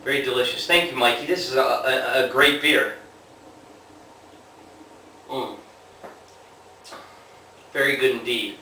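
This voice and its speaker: A man casually reviewing a homebrew in a relaxed, unhurried way with plenty of fillers, recorded on a camera at a distance. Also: mid-range voice, a little hiss or hum. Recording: echoey room, mic at a distance.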